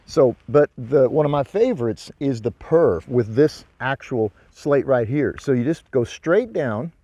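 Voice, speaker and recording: A man's voice: mid-range voice, lively intonation, measured pace, warm tone, lo-fi sound, a little hiss or hum. A man giving a casual hands-on demonstration as an instructor, explaining in an informal, folksy way outdoors. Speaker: hunting instructor, presenter. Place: outdoors in brush by a ravine.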